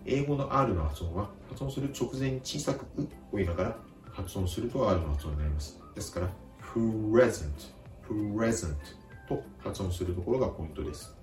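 A man teaching a vocabulary lesson, speaking calmly and slowly repeating each word with careful pronunciation. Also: deep voice, echoey room, recorded from a distance, faint music behind. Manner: slow, careful pronunciation drills. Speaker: language teacher.

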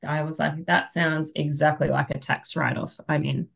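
In a casual podcast chat, an Australian fantasy author tells humorous anecdotes with wry exaggeration, animatedly acting out the dialogue. Her voice sits low and sounds creaky and husky, and she talks at a moderate pace.

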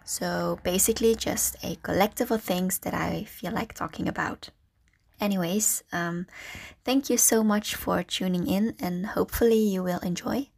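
A woman's voice: fairly low pitch, normal speed, vocal fry, darkish tone, breathy edge. A woman in her early twenties from the Netherlands hosting a casual solo podcast, self-conscious and rambling, talking into a phone in a small closet with a towel over her head. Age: early 20s. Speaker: podcast host.

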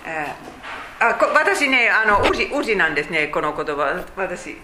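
A woman's voice: fairly low pitch, sing-song, unhurried, echoey room, noisy background. A woman teaching a Bible study, explaining chattily with fillers and asides.

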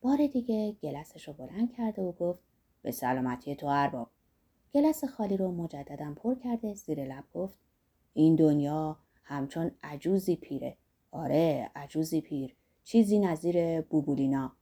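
A woman voicing a rough, lusty old man who talks bluntly and boastfully about life and age. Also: deep voice, expressive, warm tone, pitched below the performer's own voice. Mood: earthy musing.

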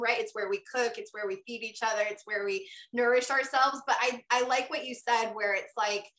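A woman's voice: a little high, pushed and bright, reverberant. An American woman hosting an interview, effusive and enthusiastic, with plenty of fillers. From United States. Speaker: podcast host. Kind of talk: casual interview conversation.

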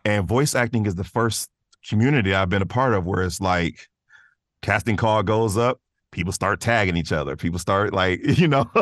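A voice actor appearing as a podcast guest talks about his work in an interview, his voice on the low side, somewhat bright, and at a moderate pace. He speaks casually and thoughtfully, often restarting his phrases, recorded with studio quality on a close microphone in a vocal booth with no room sound.

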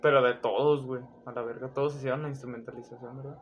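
A man with a Mexican accent in casual, slangy chat, talking excitedly and dropping güey often. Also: medium pitch, quick pace, lo-fi sound, a little hiss or hum. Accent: Mexican Spanish. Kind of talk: casual chat about anime.

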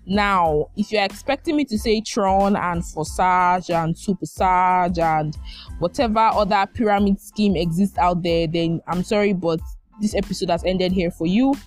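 A woman's voice: lowish voice, measured pace, soft background music. A young woman with a Nigerian accent hosting a casual solo podcast, chatty and emphatic, repeating phrases for effect. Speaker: podcast host.

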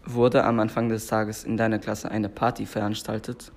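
A man hosting a school survey, reading out his questions in a plain, measured way. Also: fairly low pitch, little pitch movement, very noisy.

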